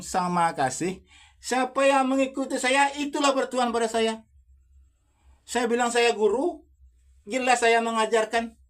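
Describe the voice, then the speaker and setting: In a one-man sermon, a self-appointed religious teacher hammers his points home, repeating himself and firing off rhetorical question after question at whoever's listening. His voice is very high-pitched.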